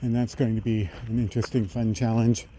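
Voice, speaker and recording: A middle-aged man thinks aloud in a halting technical monologue while walking outdoors along a road. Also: on the low side, little pitch movement, dark tone, rough recording. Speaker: vlogger. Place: outdoors on a residential roadside. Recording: outdoor street noise, passing vehicles.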